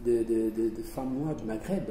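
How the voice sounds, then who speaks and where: A man's voice: medium pitch, normal speed, mellow. A man speaking as an author to an audience, emphatic, repeating his phrases and acting out little dialogues. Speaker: author speaking at a public event. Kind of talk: spontaneous talk to an audience. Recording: echoey hall, voice from far off, faint noise.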